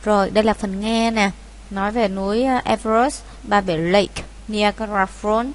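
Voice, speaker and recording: A woman's voice: mid-range voice, fairly even intonation, normal speed. Woman, teacher from Vietnam, patient, repeats key points, mid-range voice, exam walkthrough lesson.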